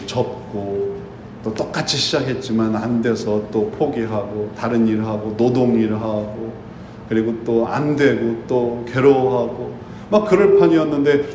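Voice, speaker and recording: A man preaching a sermon in an animated way, often acting out imagined believers. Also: mid-range voice, slight background noise. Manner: animated, voices imagined believers in quoted speech. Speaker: pastor. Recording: echoey room with faint ambience.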